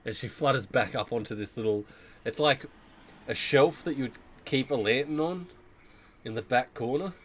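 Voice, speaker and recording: A man's voice: mid-range voice, moderate pace. A man narrating as game master, loosely searching for words with um and like.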